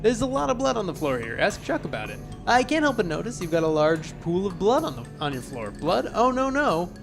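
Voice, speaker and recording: High-voiced man narrating a game. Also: fast talker, gravelly, music in the background. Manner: wry, deadpan asides. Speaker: let's player. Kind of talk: reading game text aloud with commentary.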